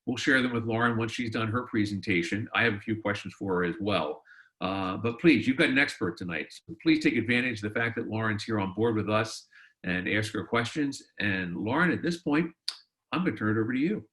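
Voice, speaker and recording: A man's voice: on the low side, a little fast, fairly bright tone, low-quality recording. A man hosting a webinar, introducing a guest speaker in a rambling way with many fillers, over a video call. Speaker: webinar host.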